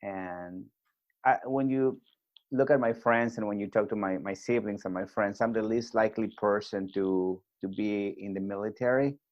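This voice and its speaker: Peruvian spanish accent guy in his 40s, low-ish voice, chatty, kinda dull lo-fi dry sound. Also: fairly even intonation, normal speed, no echo. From Peru. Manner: friendly and talkative, many fillers. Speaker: guest, army veteran. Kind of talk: casual interview storytelling.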